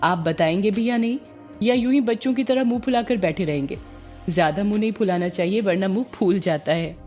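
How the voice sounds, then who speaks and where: A woman's voice: medium pitch, moderate pace, mellow, faint music behind, natural voice. A woman voicing a playful, teasing young fisherwoman in an audio story, coaxing and affectionate.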